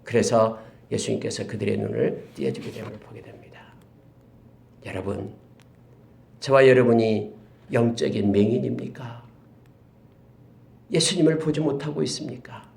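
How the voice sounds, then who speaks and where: A male pastor preaching a sermon, moving between loud, stirring exclamations and hushed, whispered asides. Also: medium pitch, normal speed, creaky, long pauses. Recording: roomy echo.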